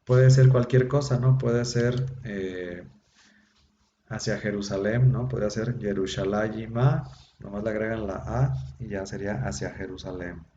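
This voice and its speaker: Over a video call, a man teaches Biblical Hebrew in an online class lecture, explaining patiently and using many fillers. His low, mellow voice moves a little slowly with fairly even intonation. The lo-fi audio sounds dull and echoey, with a faint hum in the room.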